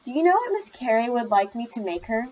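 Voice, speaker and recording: A woman's voice: a little high, very animated, fast, darkish tone, dull audio, a little hiss or hum. A woman reading the part of a friendly man who does woodwork and is learning sign language, cheerful and a bit nosy.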